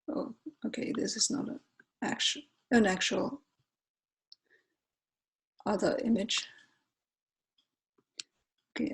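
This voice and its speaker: This tutorial presenter is a native Finnish speaker in her forties with a Finnish accent, talking through software on a shared screen. The audio is poor, and her mid-range voice sounds creaky and husky. Her pace is unhurried and hesitant, full of fillers and self-corrections.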